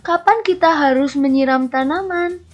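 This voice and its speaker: A woman's voice: high voice, normal speed, natural voice. A woman teacher reading a curious young schoolgirl's lines in a slightly raised voice. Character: young schoolgirl asking her father questions. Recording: lo-fi recording with faint music.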